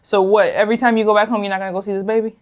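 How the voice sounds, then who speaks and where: A young woman co-hosting a casual podcast, giving measured opinions in long runs. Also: medium pitch, little pitch movement, lo-fi sound. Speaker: podcast co-host. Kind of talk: casual chat.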